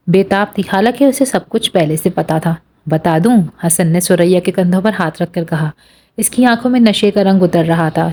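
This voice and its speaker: A woman narrating a novel in a calm, steady storytelling manner. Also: lowish voice.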